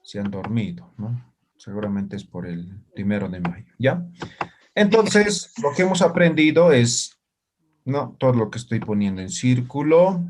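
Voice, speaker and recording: A man's voice: medium pitch, big pitch swings, a little slow, darkish tone, a little hiss or hum. A man from Bolivia, teaching a live online language class over a video call and patiently checking in after nearly every phrase. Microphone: computer mic on a video call.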